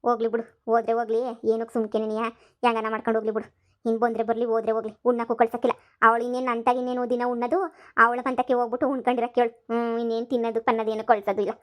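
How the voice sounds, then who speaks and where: A sharp-tongued, bitter village wife scolds and scoffs in a cartoon comedy, as a woman voices her. The voice sits high and the talk comes quick. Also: level tone, lightly acted. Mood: scornful. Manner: scornful, scolding and dismissive.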